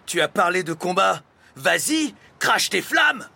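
A man's voice: fairly high pitch, lively intonation, normal speed, vocal fry, slightly rough, voice pushed up, exaggerated voice. A man voicing a brash, determined adult male postman in a storybook reading. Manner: brash, shouting.

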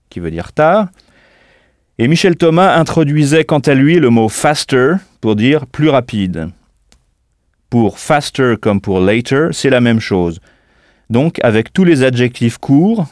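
A man teaching as a language tutor in a scripted audio lesson, speaking slowly and spelling words out letter by letter. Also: medium pitch, darkish tone, no room sound, clean studio sound.

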